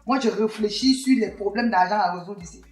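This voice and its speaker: A woman, playing a weary, sharp-tongued mother who scolds her daughter. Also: medium pitch, a little fast, natural voice. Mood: annoyed. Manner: scolding, sarcastic. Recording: roomy, distant mic, faint music.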